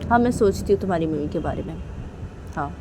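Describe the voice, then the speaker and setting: A woman voicing a calm, reassuring young woman who speaks in a soothing, coaxing way. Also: low voice, fast, background noise. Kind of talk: storytelling with acted dialogue.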